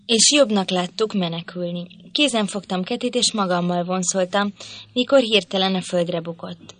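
A woman narrating an audiobook in an expressive reading voice. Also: mid-range voice. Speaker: audiobook reader. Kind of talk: scripted narration.

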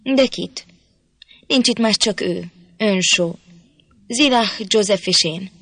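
A woman voicing a cold, sharp-tongued young mistress of a farmhouse in a storybook, dismissive in manner. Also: mid-range voice, creaky, dry recording.

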